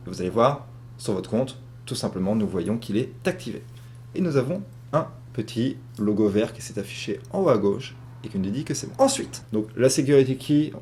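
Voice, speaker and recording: Low, mellow-voiced man explaining a tutorial. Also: a little hiss or hum. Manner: explanatory, with frequent fillers. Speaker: tutorial host. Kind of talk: screen-recorded tutorial walkthrough.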